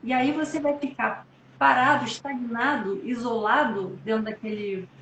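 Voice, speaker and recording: A woman's voice: a little high, fairly even intonation, normal speed, fairly bright tone, roomy sound, slight background noise. A woman doctor hosting a live-stream conversation, speaking in a reflective, encouraging way.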